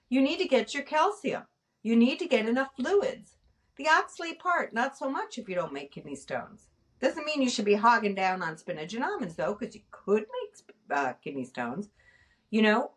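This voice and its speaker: A middle-aged woman hosting a casual talk show, animated and self-mocking, acting out her own past thoughts. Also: on the high side, far from the mic. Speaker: nurse and podcast host. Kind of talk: casual chat.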